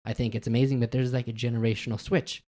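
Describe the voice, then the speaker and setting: A man's voice: medium pitch, flat delivery, fast, dark tone. A man co-hosting a podcast in casual chat, laid-back and slangy, rambling with lots of fillers. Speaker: podcast co-host.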